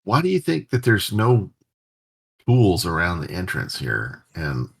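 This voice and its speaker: Gravelly low-voiced man at a game table. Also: huge pitch swings, measured pace. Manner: hesitant, asks many questions. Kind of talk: casual tabletop game chat.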